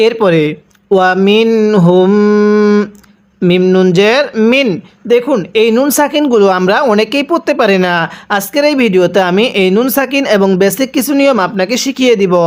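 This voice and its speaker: A man from Bangladesh teaching Quran reading, spelling out words and reciting verses slowly, then explaining the rules in brisk bursts. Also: high voice. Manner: patient, drawn-out recitation alternating with brisk explanation.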